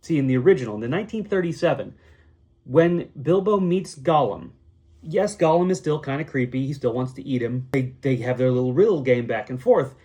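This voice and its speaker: A man hosting a podcast, explaining in a chatty, animated way and briefly acting out the people he quotes. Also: medium pitch, a little fast, husky. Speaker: podcast host. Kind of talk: casual explainer monologue.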